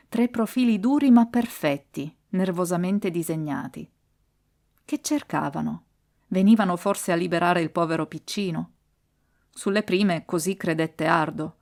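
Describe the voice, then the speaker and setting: Una narratrice di audiolibri con un timbro basso e una lettura teatrale e partecipe. Racconta una storia classica con tono recitato. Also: female voice. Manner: expressive, dramatic reading. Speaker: audiobook reader. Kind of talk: scripted narration.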